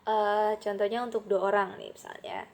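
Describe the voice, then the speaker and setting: A woman's voice: medium pitch, steady tone, moderate pace, a little mellow. A young woman with an Indonesian accent, an English teacher explaining a lesson casually, with many fillers and English phrases dropped into her talk. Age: young adult.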